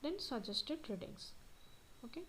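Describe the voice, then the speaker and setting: A woman's voice: a little high, big pitch swings, a little slow, fairly bright tone, slight background noise, rough recording. A woman tutor reading study notes aloud and going back over the key points. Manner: reads text aloud, then repeats key points.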